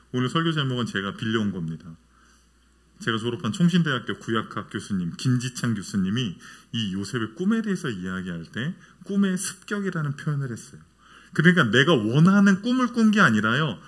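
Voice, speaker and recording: Animated Korean pastor preaching. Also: male voice, mid-range voice. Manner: animated preaching, asks the congregation questions. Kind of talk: sermon. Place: church sanctuary.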